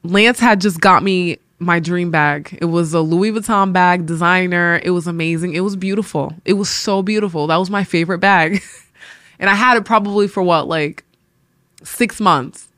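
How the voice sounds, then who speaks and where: A woman hosting a podcast, telling a personal faith story in an animated, laughing way and acting out the people she quotes. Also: fairly low pitch, normal speed, dry recording, clean studio sound. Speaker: podcast host.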